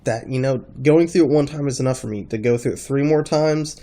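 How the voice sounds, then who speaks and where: A man with a congested, stuffy-nosed voice talking casually in a rambling gaming vlog, halting as he thinks. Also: medium pitch, dark tone. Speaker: gaming video creator.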